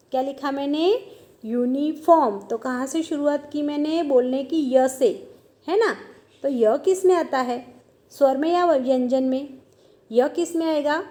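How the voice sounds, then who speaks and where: Woman, teacher. Slow and patient, repeats every point. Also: high-pitched, dark tone. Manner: asks questions and answers them herself, repeats often. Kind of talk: classroom grammar lesson.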